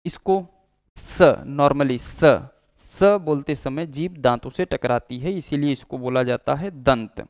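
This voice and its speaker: A male teacher giving a lecture. His voice is smooth and resonant, close to the mic. The recording is dry, with no room echo. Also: mid-range voice, moderate pace, darkish tone. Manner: explanatory, demonstrates sounds aloud. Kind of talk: classroom lecture.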